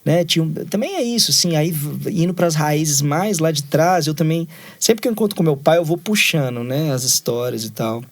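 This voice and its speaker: A man's voice: a little high, moderate pace, few pauses. Rambling Brazilian man telling stories. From Brazil, raised in Minas Gerais. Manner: rambling storyteller, fills every phrase with "né" and "assim". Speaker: musician guest. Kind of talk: casual interview chat.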